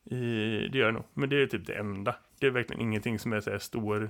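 A man who teaches, co-hosting a podcast in relaxed chat, laughing often and filling pauses with "eh". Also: on the low side, creaky. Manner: chatty, laughs often, many fillers.

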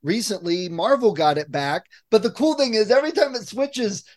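Brief: man, high-pitched, podcast co-host, agreeable casual chat. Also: lively intonation, normal speed, a little mellow. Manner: easygoing, agreeable, short affirmations.

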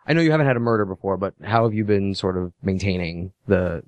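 A man's voice: sits low, quick pace, no echo, lo-fi sound. A man playing a tabletop role-playing game, asking earnest questions. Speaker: player.

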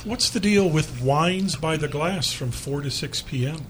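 A man's voice: a little high, lively intonation, a little slow, fairly bright tone, slight background noise. A man co-hosting a radio show, asking the guest curious questions. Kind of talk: casual radio chat.

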